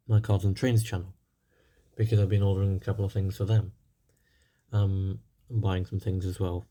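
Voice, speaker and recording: A man's voice: lowish voice, warm tone. A young man, slightly tired, giving casual, rambling commentary over a strategy game with lots of fillers. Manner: rambling, many fillers and hedges. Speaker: gaming channel host.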